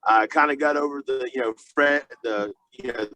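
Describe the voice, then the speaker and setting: Halting male football coach in an interview. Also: mid-range voice, poor audio. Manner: halting, filler-heavy, repeats and restarts phrases often. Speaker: high school football coach being interviewed. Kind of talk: spontaneous sports interview.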